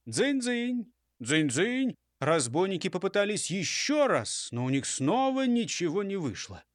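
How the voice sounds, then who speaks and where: Lively man narrating a children's story. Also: sits high, normal speed, no room sound, studio quality. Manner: expressive storytelling.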